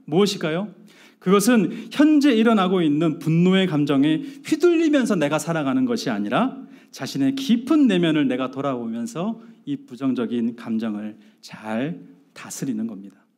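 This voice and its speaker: Lively animated male pastor telling a story. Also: fairly high pitch. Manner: storytelling with acted-out dialogue, rising to emphatic outbursts; asks the congregation questions. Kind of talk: sermon.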